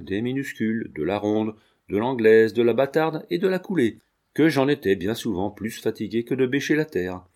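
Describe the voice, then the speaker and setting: A man reading a classic novel aloud in a measured, expressive narration. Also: lowish voice. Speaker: audiobook reader. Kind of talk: scripted narration.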